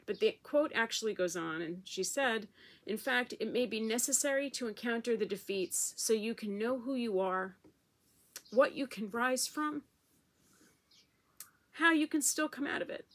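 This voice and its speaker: A woman speaking in her personal video blog, emotional and halting, close to tears. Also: a little high, expressive, fairly bright tone. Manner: emotional, halting, tearful at times. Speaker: vlogger.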